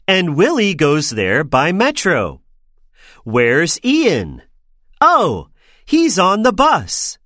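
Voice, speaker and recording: A woman narrating a textbook listening passage in a clear, measured and expressive way. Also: deep voice, no echo, clean studio sound. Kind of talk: slow scripted narration.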